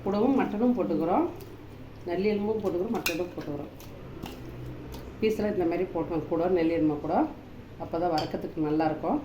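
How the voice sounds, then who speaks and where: A woman's voice: lowish voice, fast, pauses often, dull audio. A woman giving a casual, homely cooking demonstration, repeating each step and addressing viewers familiarly. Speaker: home cook demonstrating a recipe. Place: indoor kitchen. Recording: roomy echo, kitchen sizzling noise.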